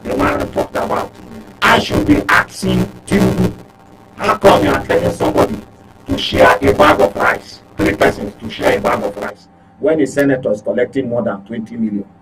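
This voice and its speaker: On a political radio talk show, a Nigerian-accented studio panelist argues passionately, repeating phrases and posing rhetorical questions with emphasis. His medium-pitched voice is creaky and swoops wildly in pitch at a normal speed, heard through poor audio.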